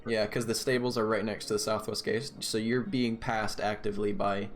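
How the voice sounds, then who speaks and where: A man narrating a tabletop game as game master, descriptive and casual, sometimes halting as he improvises. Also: fairly low pitch, level tone. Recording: music behind the voice.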